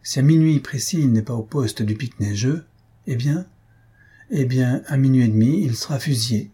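A man reading aloud and voicing a sly male army sergeant who talks in a mocking, confidential way, with a husky voice. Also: mid-range voice, moderate pace, warm tone, voice pushed up. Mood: teasing.

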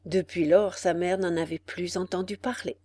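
A woman reading a tale aloud in a slow, measured narration. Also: fairly low pitch, fairly even intonation, warm tone, no echo. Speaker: storyteller.

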